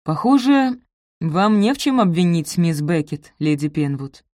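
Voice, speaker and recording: A woman voicing a stern, weary middle-aged male magistrate who speaks gruffly and impatiently. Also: on the low side, big pitch swings, a little slow, darkish tone, no echo, clean studio sound.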